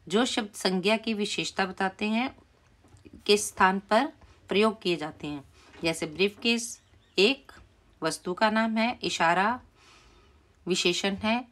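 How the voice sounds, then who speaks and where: A woman teacher slowly and patiently explaining a primary school Hindi lesson, repeating key words for the children. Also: mid-range voice, fairly bright tone.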